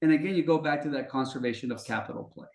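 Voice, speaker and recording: A business development executive co-hosts a podcast, speaking rapid-fire in a slightly high voice. In this conversational interview he talks fluently and confidently in long explanations, and the room is echoey.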